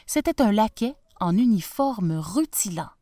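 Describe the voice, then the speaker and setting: Slow, expressive woman reading a storybook. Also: mid-range voice, no room sound, clean studio sound. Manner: expressive, gentle. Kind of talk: storybook read-aloud.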